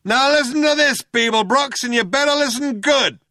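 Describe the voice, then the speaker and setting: A man voicing a shouting, trigger-happy cop who earnestly insists on how sensitive he is, in a comic science fiction audiobook. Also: very high-pitched, normal speed, no echo, clean studio sound, pitched above the performer's own voice. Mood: menacing, earnest. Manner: shouting, earnest, self-justifying. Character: loud-hailer cop, shouting, self-consciously sensitive, trigger-happy tough guy.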